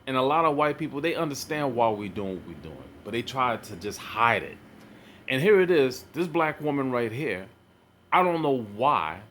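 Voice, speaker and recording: A man's voice: mid-range voice, big pitch swings, moderate pace, fairly bright tone, slight background noise. Rambling man reacting to clips. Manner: rambling, repeats himself, many fillers. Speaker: reaction commentator. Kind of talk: casual reaction commentary.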